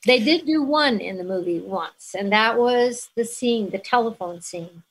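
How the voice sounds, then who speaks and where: A woman's voice: fairly high pitch, lively intonation, measured pace, husky, low-quality recording. An older woman reminisces as an interview guest. She tells her stories in a chatty way and laughs easily between lines. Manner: warm storyteller, laughs often. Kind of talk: reminiscing conversation.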